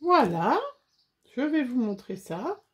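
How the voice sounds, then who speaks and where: A woman's voice: on the high side, very animated, slow. A woman chatting casually to viewers while making a scrapbooking craft, with frequent fillers.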